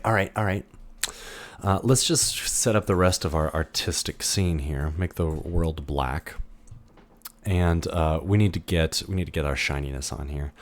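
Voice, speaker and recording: A man's voice sits low as he gives an informal screen-recorded tutorial on software. He thinks aloud, full of fillers and restarts.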